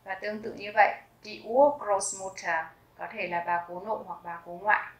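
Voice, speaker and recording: A woman teaching vocabulary, repeating each word slowly and carefully. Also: mid-range voice, steady tone, roomy sound, rough recording. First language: Vietnamese. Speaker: German language teacher. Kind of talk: vocabulary lesson with slow repetition.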